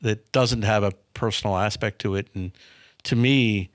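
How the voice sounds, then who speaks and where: A fifties-aged founder, here as an interview guest, recounts frank anecdotes from his business life in a dark studio, often repeating a word as he starts. A studio boom mic captures his low voice dry and up close, at a normal speed.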